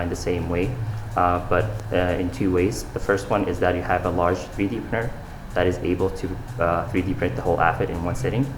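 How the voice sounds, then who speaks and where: A young adult man from Saudi Arabia, a fashion designer appearing as an interview guest, gives casual answers in a very low, flat voice. He comes across as earnest, leaning on loose fillers and restarting his sentences. The sound is roomy, with a noisy background.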